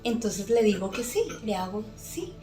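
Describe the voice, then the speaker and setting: A middle-aged woman giving an earnest, emotional personal faith testimony as a podcast guest, pausing often with soft fillers. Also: mid-range voice, expressive. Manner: earnest, emotional storytelling with many pauses and fillers. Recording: echoey room with faint music.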